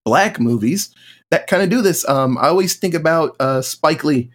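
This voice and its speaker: A man guesting on a movie podcast, speaking in a measured, thoughtful way with pauses. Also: fairly high pitch, animated. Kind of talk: casual movie discussion.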